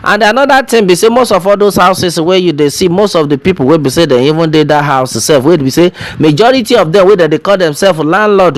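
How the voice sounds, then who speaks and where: A man's voice: high voice, no echo. A man with a Nigerian accent speaking Nigerian Pidgin, giving informal commentary in an emphatic, pleading way full of rhetorical questions. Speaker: online news commentator. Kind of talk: informal spoken commentary, direct appeal.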